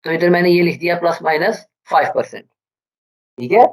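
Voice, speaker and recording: A man's voice: on the high side, normal speed, no room sound. A man teaching an online class, explaining step by step and checking that students follow, while his voice breaks up over a bad call connection. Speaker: university teacher. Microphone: computer mic on a video call.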